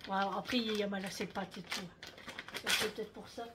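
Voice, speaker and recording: A woman's voice: medium pitch, steady tone, a little fast, very noisy. A middle-aged woman chatting casually at home in a vlog, rambling with lots of fillers as she shows what she bought. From France. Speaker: vlogger. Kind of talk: casual haul vlog chat.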